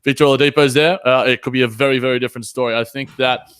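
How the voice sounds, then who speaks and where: A man's voice: mid-range voice, steady tone, rapid-fire, fairly bright tone, clean tone, dry recording. A man co-hosting a casual sports chat, rambling a little while he reads out viewer comments. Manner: rambling, lots of fillers and restarts. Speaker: co-host reading comments.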